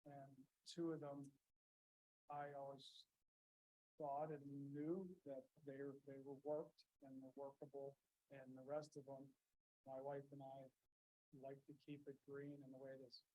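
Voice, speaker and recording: A man testifying as a property owner at a public hearing, plain-spoken and halting, often repeating his words. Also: mid-range voice, completely flat delivery, mellow, highs cut off, slight background noise.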